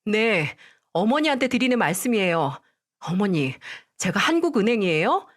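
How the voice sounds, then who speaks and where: A woman's voice: medium pitch, sing-song, moderate pace. A woman voicing a fed-up, defiant young wife talking back in a dramatized story reading. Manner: defiant, retorting.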